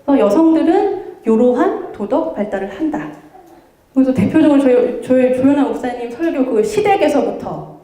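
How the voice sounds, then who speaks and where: A woman in her thirties giving a lively lecture, telling her own stories and acting out what she once said. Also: high-pitched, moderate pace. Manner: animated, acts out her own past remarks in voices. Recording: very echoey room.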